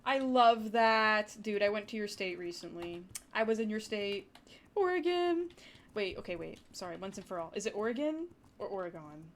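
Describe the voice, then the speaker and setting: A woman's voice: medium pitch, fairly quick. A young woman with a Wisconsin accent, a livestreamer chatting casually with her viewers and rambling between topics. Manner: rambling, talks to chat with lots of "like" and "dude".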